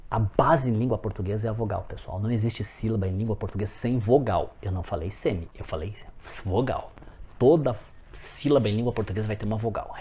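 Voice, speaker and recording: Male teacher from Brazil, low mellow voice, patient explanatory delivery, slight background hiss. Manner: explanatory, addresses viewers as friends, stresses example words. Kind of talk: recorded phonetics lesson.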